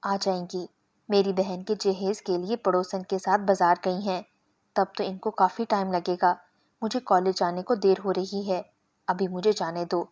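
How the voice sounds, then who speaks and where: A woman's voice: mid-range voice, little pitch movement, darkish tone, natural voice. Storybook figure: insistent young man pressing his case, coaxing and pushy, read by a woman in her own voice. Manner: persuasive, insistent.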